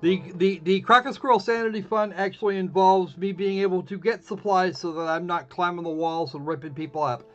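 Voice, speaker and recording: High-pitched with a fairly bright tone, a man chats casually and sarcastically while streaming a visual novel, frequently restarting sentences. The dull lo-fi stream mic picks up faint game music in the background.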